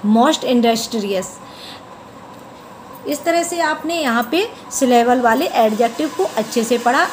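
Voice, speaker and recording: A woman gives a grammar lesson in a high voice. She explains patiently, repeating each word form and spelling it out. A faint hiss of room noise sits behind her. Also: a little mellow, low-quality recording. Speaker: teacher.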